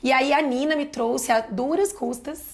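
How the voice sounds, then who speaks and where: Gravelly Brazilian woman telling stories. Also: high-pitched, moderate pace. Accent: Brazilian Portuguese. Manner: candid, expressive storytelling. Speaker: pediatrician guest. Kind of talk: casual podcast conversation.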